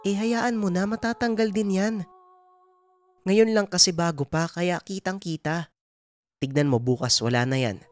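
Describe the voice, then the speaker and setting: A man's voice: sits high, normal speed, long pauses, pitched above the performer's own voice, lightly acted. A man putting on a worried village mother. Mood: soothing. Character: worried, gentle middle-aged village mother.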